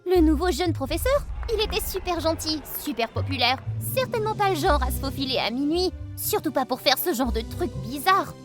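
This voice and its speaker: Woman, very high voice, excitable storybook narration, quirky, music underneath. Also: brisk, few pauses. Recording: music behind the voice.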